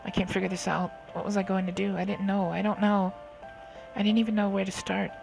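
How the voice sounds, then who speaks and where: A man's voice: little pitch movement, brisk, gravelly, darkish tone, soft background music. A man putting on a frightened pleading girl. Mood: panicked. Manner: trembling, pleading, high-pitched.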